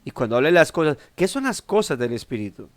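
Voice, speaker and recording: A man's voice: very animated, fast talker, no room sound. A man preaching a devotional sermon in a conversational way. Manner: conversational, acts out quoted people with shifting pitch.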